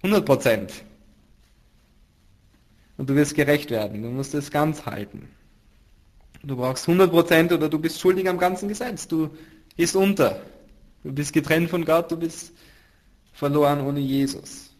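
A man's voice: fairly high pitch, a little slow, pauses often. Earnest man preaching a Bible study. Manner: emphatic, swinging between loud stresses and hushed drops. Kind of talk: sermon-style Bible teaching.

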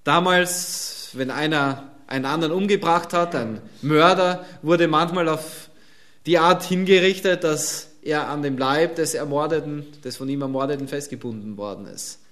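A man's voice: a little high, normal speed, fairly bright tone. A man preaching a sermon, speaking emphatically and pressing his listeners with repeated rhetorical questions.

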